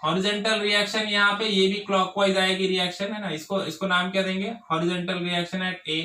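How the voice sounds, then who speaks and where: A man teaching engineering at a whiteboard, putting questions to his students and answering them himself. His voice sits high and rings bright. The room around him is echoey. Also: level tone, a little fast. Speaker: engineering tutor. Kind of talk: whiteboard lecture. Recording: echoey classroom.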